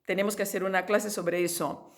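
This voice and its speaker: A woman, teaching Spanish in a lively, chatty video lesson, drawing out sounds to demonstrate them. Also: medium pitch, brisk, slight background noise.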